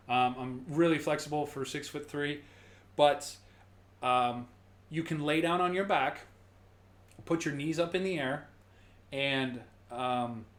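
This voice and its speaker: Male fitness coach, casual instructive delivery with frequent check-ins, a bit higher than usual, roomy echo. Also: a bit bright. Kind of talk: live-streamed breathing lesson.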